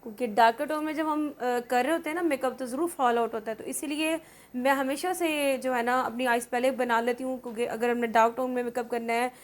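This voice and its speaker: A woman makeup vlogger hosts a casual tutorial, chatting away and frequently checking in with "theek hai," meaning "okay." Her voice is slightly high, steady in tone, and brisk.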